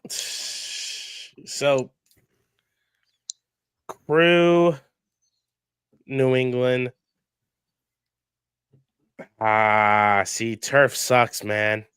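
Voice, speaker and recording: Male co-host, croaky from coughing, dry close mic, blunt casual delivery. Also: mid-range voice, steady tone, drawn-out words, pauses often, fairly bright tone, no echo. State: hoarse after coughing fit. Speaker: podcast co-host. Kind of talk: casual sports chat.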